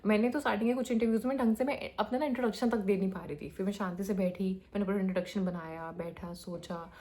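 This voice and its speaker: A woman's voice: medium pitch, steady tone, mellow. A young woman from India giving casual career advice as a developer. She talks in a hyperactive rush and mixes in phrases. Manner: hyperactive, rapid talker mixing in English phrases.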